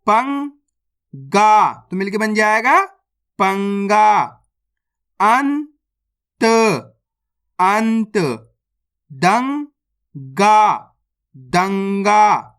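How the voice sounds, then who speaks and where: A reading teacher who sounds out words syllable by syllable, then says each whole, and checks with viewers that it is clear. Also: mid-range voice, animated, drawn-out words, pauses often, a bit bright, faint music behind. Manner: addresses viewers as friends, asks if it is clear. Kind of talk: slow word-by-word reading lesson.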